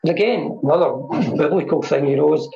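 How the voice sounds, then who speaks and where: A man's voice: on the high side, fast talker, gravelly, dark tone. A man speaking as a guest over a video call, talking thoughtfully and repeating phrases for emphasis. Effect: heard over a video call. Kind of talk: reflective interview talk on mindfulness. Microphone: computer mic on a video call. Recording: dull, echoey video call audio.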